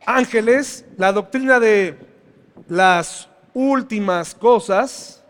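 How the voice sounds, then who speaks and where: Male pastor with a high voice and a conversational sermon manner, recorded in a reverberant church. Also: slow, a bit bright. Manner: conversational, asks the congregation questions.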